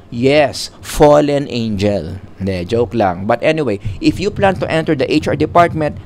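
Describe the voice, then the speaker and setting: A man's voice: medium pitch, a little hiss or hum. A man giving a psychology lecture in a classroom style, mixing in English with jokes and asides.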